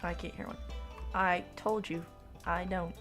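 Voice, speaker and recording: Soft background music plays as a woman from Oklahoma, a streamer with a light Oklahoman accent, chats casually with her chat during a game. Her voice is on the low side, a bit bright and a little slow, with fairly even intonation, as she rambles and giggles at herself.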